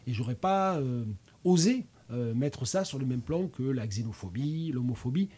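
Hesitant man in his fifties, mellow voice. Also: mid-range voice, expressive, normal speed, breathy edge. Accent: French regional accent. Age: 50s. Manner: hesitant, many fillers and restarts. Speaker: host. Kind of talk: casual chat.

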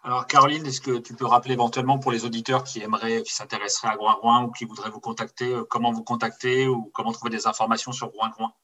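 A man's voice: medium pitch, flat delivery, fast, hardly any pauses, pushed and bright, slight background noise. A man hosting a radio show, putting friendly, direct questions to his guest. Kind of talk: casual radio interview.

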